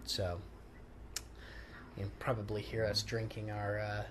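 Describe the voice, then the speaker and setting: A man's voice: lowish voice, monotone, slow pace, noisy background. A man giving casual film commentary as the director, rambling informally and trailing off, recorded on a handheld recorder in a living room. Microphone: handheld portable recorder in the room.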